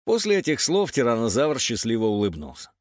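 Man reading a kids' storybook, lively bouncy voice, dry close sound. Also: mid-range voice, brisk, dry recording. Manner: animated storytelling. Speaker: narrator. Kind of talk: children's story narration.

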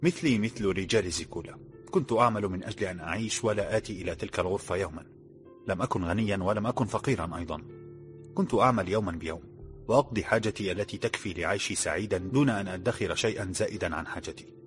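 A man voicing a calm, resigned poor man in his forties who speaks quietly. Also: low voice, very fast, soft background music, close to an everyday voice. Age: 40s.

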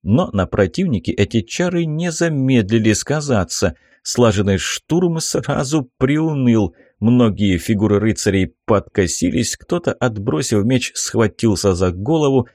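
A man reading a first-person fantasy novel aloud as an expressive audiobook narrator. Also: medium pitch, dry recording, clean studio sound.

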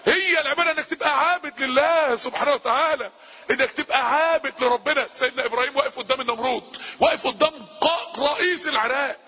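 A man with an Egyptian accent preaching a sermon, impassioned, repeating phrases for emphasis and sometimes rising to shouts. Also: extremely high pitch, fast, highs cut off. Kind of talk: recorded sermon.

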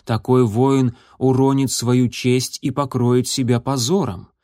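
A man voicing a serious young warrior tomcat who mentors a kitten, speaking in a grave, measured way. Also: mid-range voice, fairly even intonation, warm tone, no room sound, studio quality, lightly acted. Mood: stern. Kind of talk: audiobook character voice.

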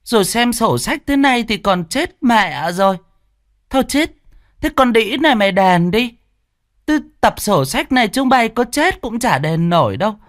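A man's voice: high voice, very animated, a bit bright, dry recording, studio quality, voice pushed up. A man voicing a greedy, abusive old landlady who screeches and scolds. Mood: shrill scolding. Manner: screeching, scolding, drawn-out fillers.

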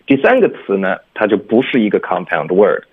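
Over a thin, tinny phone line, a low-voiced man with a husky edge, sounding like a teacher calling into a radio lesson, explains pronunciation rules patiently step by step. He checks in often with "OK?" and speaks in a sing-song way at a moderate pace.

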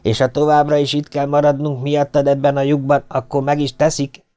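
A man's voice: a little high, completely flat delivery, mellow, smooth, pitched above the performer's own voice, natural voice. A man voicing a hot-tempered Maori sailor who speaks bluntly and threatens. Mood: threatening.

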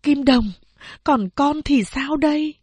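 A woman's voice: very high voice, animated, slow pace, no echo, voice pushed up, full character voice. A woman voicing a desperate peasant mother worn down by famine, pleading and wailing in a raised voice. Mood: tender.

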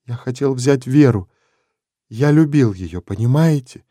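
Brief: small disheveled violinist , voiced by a male narrator, quiet, mournful, storybook reading. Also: mid-range voice, lively intonation, unhurried, dry recording, clean studio sound. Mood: sorrowful.

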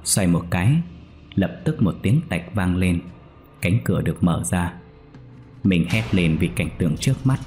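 A man narrates a ghost story in a steady, somber storytelling voice. His tone is deep and mellow, with faint music underneath.

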